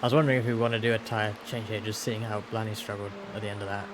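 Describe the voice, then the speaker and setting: A man chatting over voice chat, calmly reading out lap times to his teammate. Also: on the low side, very fast. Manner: laid-back, reports lap times plainly. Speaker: teammate watching the race. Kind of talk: casual voice-chat banter. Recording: noisy game-audio background.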